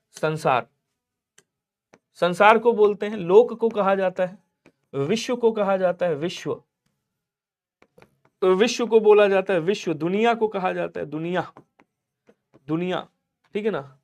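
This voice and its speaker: A man with a notably high voice runs an exam-prep grammar lesson. He drills each word by repeating it and keeps telling his students to remember it. He poses questions to the class and answers them in the same breath. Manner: addresses students directly, asks and answers his own questions. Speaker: teacher.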